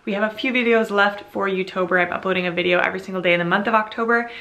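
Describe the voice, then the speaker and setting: A woman's voice: medium pitch, fairly even intonation, racing, fairly bright tone. A woman in her late twenties chatting casually and earnestly to camera as a vlogger, sometimes reading aloud. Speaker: YouTube vlogger. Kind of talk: casual chat to camera, reading old journal entries. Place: small furnished room at home.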